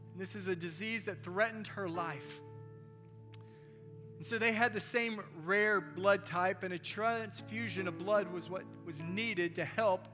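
A man delivers a sermon with rising passion, his high voice forceful and bright. His words ring out through a church hall with a long reverb, and soft music plays faintly underneath. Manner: impassioned, building to emphatic declarations. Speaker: pastor.

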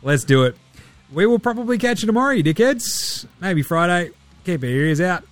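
A man's voice: high voice, expressive, moderate pace, no echo, faint music behind. A man with an Australian accent hosting a sports podcast in casual, blokey, sweary chat.

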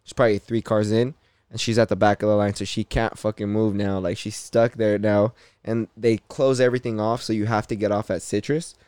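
Laid-back young man, low smooth voice. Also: little pitch movement, fairly quick, darkish tone, dry recording, studio quality. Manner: laid-back, swears a lot, many fillers. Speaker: podcast host. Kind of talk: casual chat.

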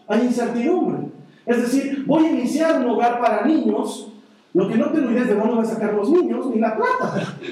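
High-voiced pastor man in an echoey hall. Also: lively intonation, moderate pace, recorded from a distance, a little hiss or hum. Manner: earnest, personal storytelling with sudden soft drops. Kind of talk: sermon.

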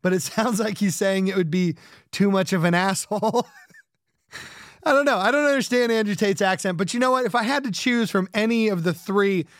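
A man's voice: sits high, fairly quick, no room sound, clean studio sound. A man hosting a podcast, rambling casually with lots of fillers, joking about himself and laughing often. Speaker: podcast host.

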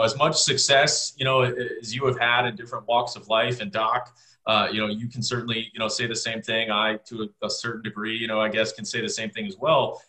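A man's voice: fairly low pitch, bright, forceful tone, rough recording. A male host in casual chat, reflective, with frequent fillers.

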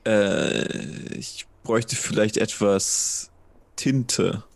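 A man's voice: lowish voice, animated, drawn-out words, gravelly, dry recording. A man playing a tabletop game, talking through practical matters in a casual, hesitant way.

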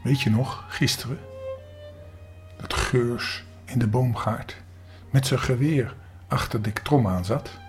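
An older man, a grandfather, reading a children's story aloud in a lively, expressive way. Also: medium pitch, slow, pauses often, soft background music.

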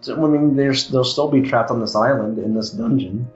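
Playing a tabletop game, a man chats casually with the group in a wry, discursive manner. His mid-range, darkish voice moves at normal speed, and the audio is roomy and muffled with a music bed in the background.

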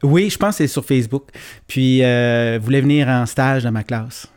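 A man's voice: medium pitch, normal speed, clear, resonant tone. Chuckling Québécois man telling stories. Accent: Québécois French. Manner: lively storyteller, chuckles often. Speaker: guest, schoolteacher. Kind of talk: casual podcast conversation.

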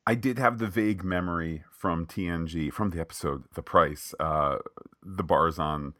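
Deep, bright-voiced man in chatty recap. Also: moderate pace, no echo, studio quality. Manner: wordy, with many "uh" fillers and jokey tangents. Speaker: podcast co-host. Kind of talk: recapping an episode in casual chat.

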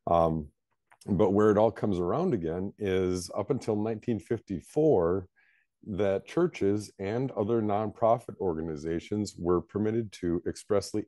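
An American pastor and book editor co-hosts a podcast in casual, chatty conversation, using lots of fillers and laughing often. His voice sits low with a dark tone, and the studio sound is clean, without echo.

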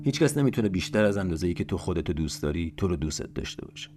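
A man's voice: deep voice, big pitch swings, a little mellow, soft background music. A man hosting a self-help podcast, talking earnestly and pleading with the listener, often repeating key lines and asking rhetorical questions. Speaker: podcast host. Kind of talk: motivational self-help talk.

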